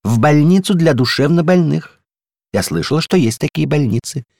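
A man puts on a fussy door handle lady from a storybook, prim and sure she knows best. Her voice sits higher than his own and swings a lot. The sound is dry and close. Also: expressive, normal speed, vocal fry, a little mellow, no echo. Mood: insistent. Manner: prim, insistent, dips into tragic whispers. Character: fussy know-it-all female door handle. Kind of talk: storybook character reading.

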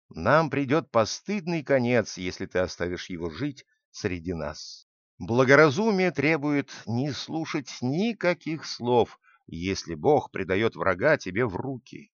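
A man's voice: medium pitch, no echo. A man voicing an insistent male royal counselor in a read-aloud fable, in a dull, dry recording.

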